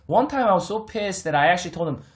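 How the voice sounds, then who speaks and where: A lively man hosts his own market talk, speaking straight to viewers as if they were friends. He laughs often and mocks others as he goes. His voice sits a little on the high side. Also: fast. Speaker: market commentary host. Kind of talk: casual unscripted market talk to camera.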